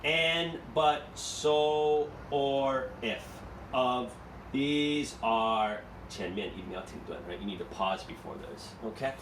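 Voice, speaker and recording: A man's voice: medium pitch, takes it slowly, a bit bright, a little hiss or hum. A man teaching an English class, explaining step by step and asking students questions, switching between English and Mandarin. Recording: echoey room, mic far off.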